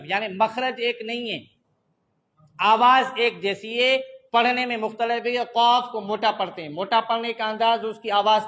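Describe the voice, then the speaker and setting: A man teaching a lesson on Quran letter sounds, calmly explaining and demonstrating letters in loud, drawn-out repetitions. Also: high-pitched.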